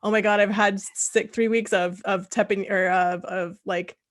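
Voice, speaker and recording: A woman's voice: mid-range voice, fairly even intonation, moderate pace. Woman from California, host, casual chat, rambling, laughs a lot. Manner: chatty, laughs often, rambling asides.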